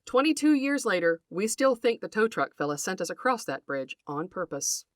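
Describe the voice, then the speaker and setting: Speaking directly to her audience, this middle-aged podcast host, also a writer and folklorist, delivers a scripted narration in a careful, articulate storytelling manner. Her voice sits in the mid-range and has a sing-song quality. The sound is clean and studio-dry.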